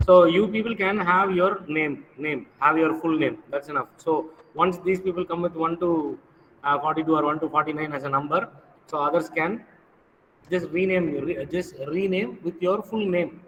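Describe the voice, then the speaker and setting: A man's voice: a little high, normal speed, a bit bright, in a large hall, slight background noise, poor audio. A man with a Tamil accent giving an informal, instructive lecture to students, often repeating his phrases.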